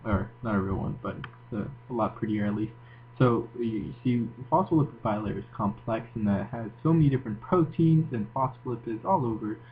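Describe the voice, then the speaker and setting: Male science tutor, Moroccan accent, mid-pitched voice, informal explainer delivery; narrow, phone-like recording with faint hum. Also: brisk. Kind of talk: educational video lecture. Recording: tinny phone-like audio, audible hum and hiss.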